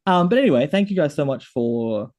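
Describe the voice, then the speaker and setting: A man's voice: fairly high pitch, lively intonation, brisk, darkish tone. A man hosting a casual podcast chat, rambling with lots of fillers. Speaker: podcast host.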